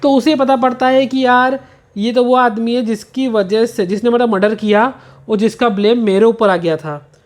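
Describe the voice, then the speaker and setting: A man teaching a revision lesson, reading English lines slowly and then explaining them quickly in Hindi. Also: very high-pitched, fairly even intonation.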